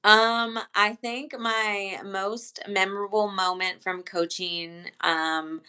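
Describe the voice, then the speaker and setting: Taking it slowly, a San Antonio woman who works as a head coach responds to interview questions as a guest. Her low, bright, smooth voice has little variation, and her earnest answers ramble loosely with many fillers and restarts.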